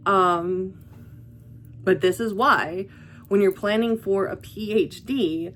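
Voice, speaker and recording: A woman's voice: medium pitch, takes it slowly, a bit bright, slight background noise. A young adult woman talking casually to camera in a vlog, chatty and reflective, with many fillers. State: hiccups. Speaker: vlogger.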